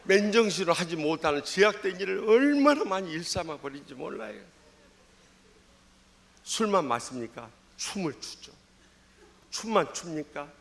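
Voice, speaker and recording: A man's voice: high voice, expressive, moderate pace, vocal fry, long pauses, a bit bright. A man in his sixties with a Jeolla accent, a pastor telling a personal story in a dawn sermon with dramatic swings of voice. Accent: Jeolla Korean. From Jeolla, Korea. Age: 60s. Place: church sanctuary.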